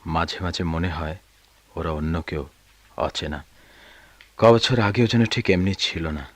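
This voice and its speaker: A weary, bitter, proud middle-aged father of grown children speaks in a very heavy, low voice, a little slowly, with no room sound. He sounds resentful and sometimes raises his voice, in the style of 1990s radio drama acting.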